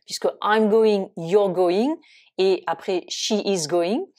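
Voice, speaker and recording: Woman, English teacher, online lesson, patient explanations, frequent fillers, mid-pitched voice. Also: slow pace, a little mellow.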